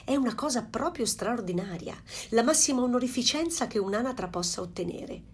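A woman voicing a proud, fussy mother duck in a storybook reading, with a slightly husky voice. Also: fairly high pitch, expressive, fairly quick, pitched above the performer's own voice.

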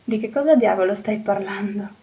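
A woman's voice: mid-range voice, fairly quick, mellow, close to an everyday voice. Flustered young housemaid, read by a woman. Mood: worried, kind. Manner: fretful and exclaiming. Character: flustered young housemaid, kind but anxious. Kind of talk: audiobook character voice.

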